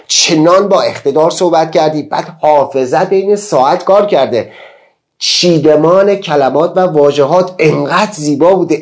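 A man's voice: fairly high pitch, a little mellow. A man giving a motivational talk, earnest and emphatic, often asking rhetorical questions. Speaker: motivational speaker.

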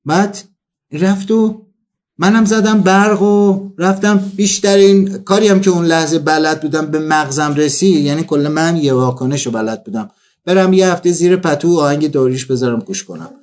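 A man delivering a comic storytelling monologue, acting out the people he quotes. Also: fairly high pitch. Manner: animated, acts out quoted dialogue.

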